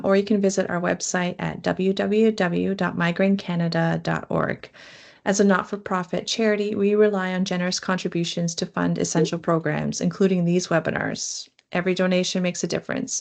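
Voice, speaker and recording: A woman's voice: on the low side, steady tone, moderate pace, gravelly. A woman hosting a charity webinar over a video call, friendly, with frequent ums.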